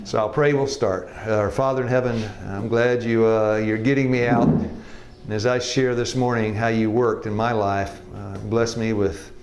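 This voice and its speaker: With a lowish voice, level tone, and normal speed, this sixty-something health evangelism teacher recounts his life to a live classroom audience, joking in a folksy way and laughing frequently. The room sounds roomy and there's background noise.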